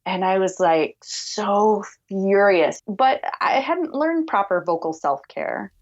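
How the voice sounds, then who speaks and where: A podcast producer appears as an interview guest in a casual conversation, her mid-range voice soothing and relaxed. She takes her time, thinking aloud reflectively in long, winding thoughts. The recording sounds muffled.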